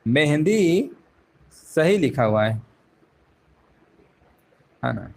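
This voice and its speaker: A man's voice: fairly high pitch, moderate pace. A man teaching a live online exam-prep class, explaining each answer step by step and often repeating himself with rhetorical questions.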